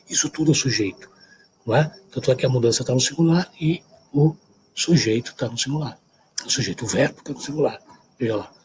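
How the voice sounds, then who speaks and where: A man's voice: mid-range voice, a little mellow. A male university lecturer from São Paulo, speaking with a São Paulo accent. He explains step by step in an ordinary mid-range voice and keeps checking that his listeners follow. A faint hiss sits under the recording. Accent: Brazilian Portuguese, São Paulo. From São Paulo, Brazil. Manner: explanatory, checks in often with "tá certo?" and "né?".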